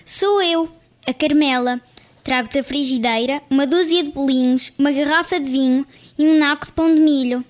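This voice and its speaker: Woman putting on a little girl voice, very high and squeaky, greedy fibber, storybook reading, dull lo-fi radio sound. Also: moderate pace, close to an everyday voice. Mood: calling, eager. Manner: high childish calling voice.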